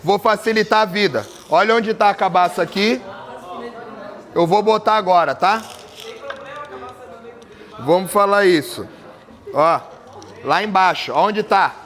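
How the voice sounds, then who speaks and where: High-voiced man teaching a group. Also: measured pace, pauses often, a bit bright. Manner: asks the group questions, joking. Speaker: capoeira teacher. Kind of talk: workshop teaching. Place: group class with berimbaus.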